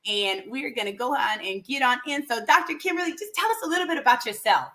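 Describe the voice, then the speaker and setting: A woman's voice: sits high, animated, quick pace, a bit bright. A woman hosting an interview, upbeat and encouraging toward her guest. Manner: enthusiastic, encouraging. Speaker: host.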